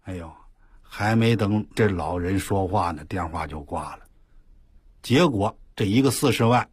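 A man presenting on the radio, telling a story in an animated, emphatic way and rising often to exclaim. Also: low voice, husky, no room sound, clean studio sound.

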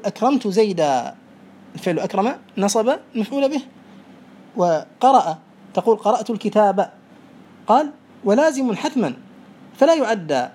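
A teacher giving a classroom lesson, who recites verse lines, explains them with examples, repeats key rules slowly, and quizzes students. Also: medium pitch, darkish tone, breathy edge. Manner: quizzes students and praises answers. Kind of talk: classroom lesson on Arabic morphology.

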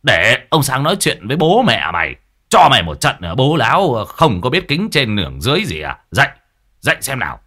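A man voicing a loud, short-tempered old village man who scolds in booming shouts. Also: big pitch swings, normal speed. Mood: angry scolding.

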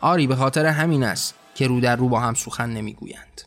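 A man's voice: medium pitch, a bit bright, faint music behind, lightly acted. A man voicing an irreverent male angel who mocks and grumbles. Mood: mocking. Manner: sarcastic, grumbling.

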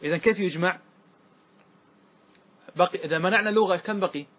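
Man lecturing on grammar, husky voice, highish pitch, recites verses, quizzes students. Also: a little fast, fairly bright tone. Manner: keeps checking students follow, asks them questions; repeats examples and recites verses in a raised voice. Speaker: Islamic scholar teaching Arabic grammar. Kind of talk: classroom lecture explaining a grammar poem.

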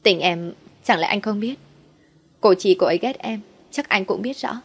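A woman's voice: mid-range voice, moderate pace, husky. A woman voicing a tearful young wife who pleads with her husband. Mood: pleading.

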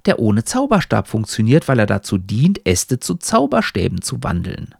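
A man's voice: lowish voice, huge pitch swings, normal speed, creaky, darkish tone, husky, no echo, clean studio sound, full character voice. A man voicing a pompous, lecturing old talking hat with a stilted, old-fashioned way of speaking.

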